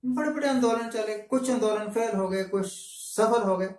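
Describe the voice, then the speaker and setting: A man speaking in a measured, explanatory way, often mixing in English words, as a vlogger giving a reflective talking-head monologue. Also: high voice, a little mellow. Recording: echoey room, mic at a distance.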